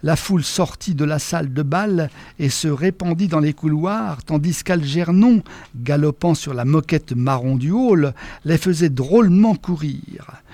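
A man giving a measured, expressive first-person reading of a novel as an audiobook narrator. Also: on the high side, no echo.

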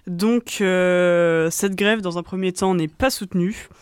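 Une jeune femme, co-animatrice d'une émission de radio, qui explique un sujet en hésitant souvent. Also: female voice, on the low side, fairly even intonation, takes it slowly, clean tone, no room sound. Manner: hesitant, many fillers. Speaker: co-host. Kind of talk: radio show presentation.

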